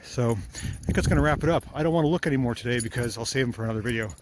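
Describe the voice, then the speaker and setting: A man vlogs while running outdoors, huffing a little as he talks in an easy, enthusiastic way. His voice sits at an ordinary middle pitch. Faint street ambience and a dog can be heard behind him. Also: racing, noisy background. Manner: chatty, enthusiastic, talking while jogging. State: out of breath. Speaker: vlogger, mechanic. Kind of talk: casual walking vlog.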